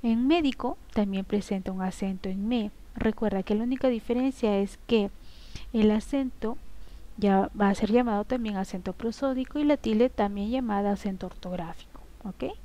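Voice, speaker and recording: A woman's voice: medium pitch, moderate pace, warm tone. A woman teaching a recorded grammar lesson, explaining rules step by step, asking rhetorical questions and checking in with short tags.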